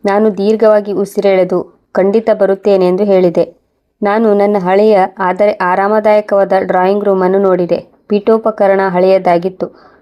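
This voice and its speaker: A woman telling a moral story as scripted first-person narration, calm and measured. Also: mid-range voice, dull audio.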